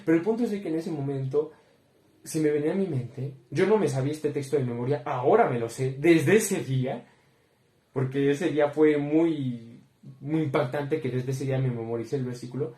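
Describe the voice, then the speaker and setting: A man's voice: fairly high pitch, moderate pace, warm tone. A young man giving a devotional Bible teaching, earnest, often addressing listeners as brothers. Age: young adult. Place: room with bookshelves behind him. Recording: roomy echo.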